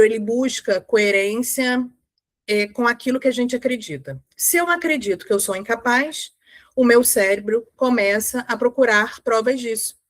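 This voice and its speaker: A mindset coach with a Brazilian Portuguese accent gives an emphatic, earnest motivational talk to women entrepreneurs. Her fairly high voice is recorded dry, and she speaks in short, repeated phrases.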